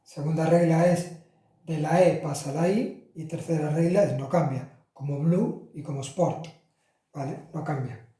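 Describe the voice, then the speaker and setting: A man's voice: a little high, steady tone, a little slow, dark tone. Man teaching Italian in an echoey room. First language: Spanish. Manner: chatty, with fillers and self-corrections. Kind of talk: casual classroom explanation. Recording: roomy echo, from far off the mic.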